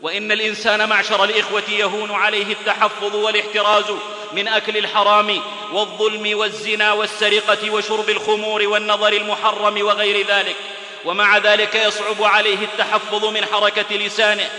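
High bright-voiced preacher in an echoey hall. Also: male voice, monotone, fairly quick. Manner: storytelling with rhythmic recited verse. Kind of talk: sermon.

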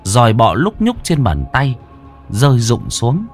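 Expressive male ghost story narrator. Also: mid-range voice, measured pace. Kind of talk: scripted storytelling. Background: faint music.

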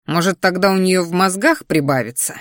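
A woman's voice: lowish voice, brisk, dry recording, studio quality, close to an everyday voice. Woman reading a scornful young mage brother. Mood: sarcastic. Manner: growling, sarcastic.

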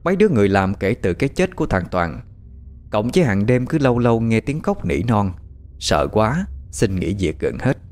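A man narrating a horror story with a dramatic, animated delivery. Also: on the low side, moderate pace. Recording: faint background music.

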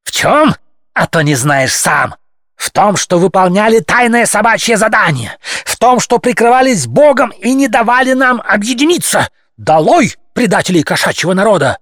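A man's voice: high-pitched, animated, moderate pace, dry recording, clean studio sound, pitched above the performer's own voice. A man doing a ranting demagogue cat. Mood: furious. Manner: shouting, accusing, short sharp phrases. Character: fiery demagogue male cat orator. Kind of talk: audiobook character voice.

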